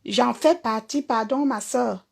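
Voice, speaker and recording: A woman's voice: fairly high pitch, unhurried, gravelly, a little mellow, slightly rough. A woman singer with a Cameroonian French accent, talking bluntly and confrontationally to viewers in a livestream rant. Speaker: singer and performer.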